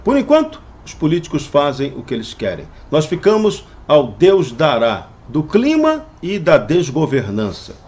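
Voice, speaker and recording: A man's voice: on the high side, huge pitch swings, normal speed, hardly any pauses, darkish tone, muffled recording. A man delivering a scripted opinion commentary, indignant and full of rhetorical questions. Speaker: political commentator.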